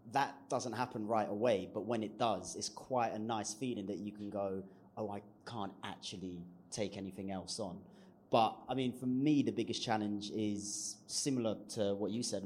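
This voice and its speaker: A man's voice: lowish voice, darkish tone, a little hiss or hum. Laid-back man with casual slang. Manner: informal, uses slang like "innit" and "ain't". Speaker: panellist. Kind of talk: live panel discussion.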